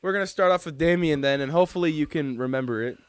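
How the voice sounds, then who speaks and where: A man's voice: a little high, fast talker, smooth. A man hosting a casual podcast, rambling and teasing his co-hosts. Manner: rambling, many "like"s and restarts, teasing. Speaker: podcast host.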